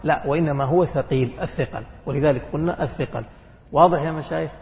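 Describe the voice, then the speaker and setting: A man's voice: a little high, fast, a little mellow. Grammar teacher, man, echoing hall. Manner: asks questions then answers them, checks understanding. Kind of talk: classroom lesson.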